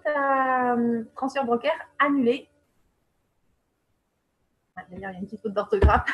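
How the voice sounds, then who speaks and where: A woman's voice: on the high side, poor audio. A woman presenting a webinar, explaining a website step by step in a chatty way, with many fillers and check-ins to her viewers. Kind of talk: screen-share software walkthrough.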